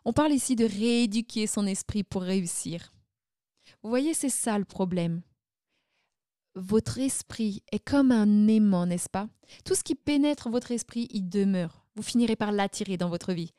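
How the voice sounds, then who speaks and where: A woman's voice: medium pitch, unhurried, warm tone, dry recording, clean studio sound. A woman minister delivering sermon-style teaching, speaking in emphatic, declaring phrases.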